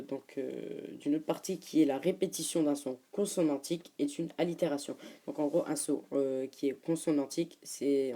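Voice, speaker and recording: A woman giving a hesitant class presentation, reading from notes with frequent filler pauses. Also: deep voice, warm tone. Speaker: student presenter. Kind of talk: read-aloud class presentation.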